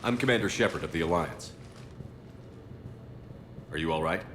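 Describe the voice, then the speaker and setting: A man's voice: a bass voice, animated, normal speed, background noise. An actor playing a determined male military commander in a science fiction game, direct and businesslike. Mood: firm, pressing. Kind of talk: video game voice acting. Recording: echoey game scene with music behind.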